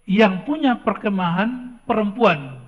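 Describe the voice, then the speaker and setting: A man delivers a sermon in an emphatic storytelling manner, often pausing to ask his listeners questions. His voice sits high for a man. The recording is dull and lo-fi, with a long reverb trailing off in a large hall. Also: very animated. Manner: emphatic, asks rhetorical questions. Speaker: Islamic preacher.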